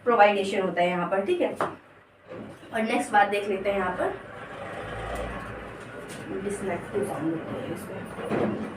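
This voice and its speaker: A woman teaching an exam-prep lesson, explaining slowly and often checking that her students follow. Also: mid-range voice, very noisy. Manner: explains slowly, repeating words and checking understanding with "theek hai". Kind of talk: exam-prep lesson in mixed Hindi and English. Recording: echoey room, voice from a distance.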